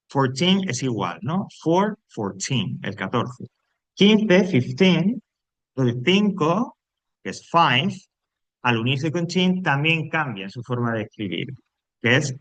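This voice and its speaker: A man gives a recorded lesson, walking his students through each point one step at a time. He sits at a medium pitch and often stops to check that they are following. The sound is dry and close, with no room echo. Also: a bit bright. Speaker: English teacher.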